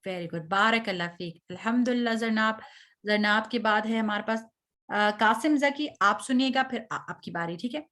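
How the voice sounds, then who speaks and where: A woman's voice: fairly high pitch, moderate pace, a bit bright. A woman teaching Quran recitation, patiently correcting students and drawing out each sound as she models it. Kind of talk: online recitation lesson.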